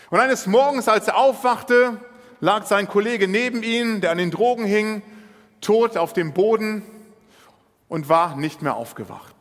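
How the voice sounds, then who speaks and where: Brief: a male preacher telling a parable with dramatic flair, bright high voice ringing in a big reverberant hall. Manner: vivid, dramatic storytelling. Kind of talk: sermon retelling a parable.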